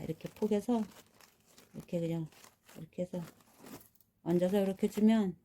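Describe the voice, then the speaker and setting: Mellow-voiced woman teaching flower wrapping. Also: mid-range voice. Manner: chatty, talks viewers through each step while working. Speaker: florist demonstrating flower wrapping. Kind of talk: casual hands-on tutorial. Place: rural home.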